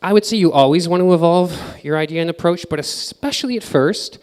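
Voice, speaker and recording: A man's voice: fairly high pitch, a little fast, a little mellow. Casual man speaking in a reverberant hall. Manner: casual, filler-heavy advice with acted-out quotes. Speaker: conference speaker. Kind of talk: conference presentation. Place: conference hall.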